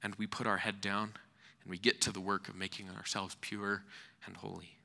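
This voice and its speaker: A man preaching a sermon in an earnest, rhetorical manner, with deliberate pauses and repeated phrases for emphasis. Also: fairly low pitch, flat delivery, creaky, bright, forceful tone. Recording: reverberant hall.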